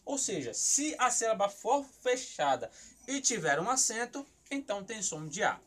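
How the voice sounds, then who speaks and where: A man's voice: high-pitched, big pitch swings, normal speed, fairly bright tone. A Brazilian man teaching a recorded lesson on Hebrew syllables, asking himself questions and then answering them, often repeating words as he thinks. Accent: Brazilian Portuguese. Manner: explanatory, asks and answers his own questions, repeats words while thinking.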